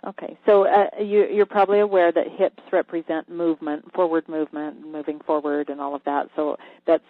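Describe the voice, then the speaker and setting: A radio host gives a caller an energy healing reading, calm and halting, sometimes dropping to a whisper while checking. The mid-range voice has no echo and comes over a thin, dry, phone-like line.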